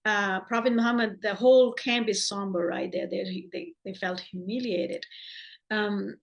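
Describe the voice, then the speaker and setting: A woman's voice: medium pitch, steady tone, measured pace, dull audio. Woman teaching a class, chatty and unscripted. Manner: conversational, many restarts, acts out quoted dialogue. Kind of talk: informal class lecture.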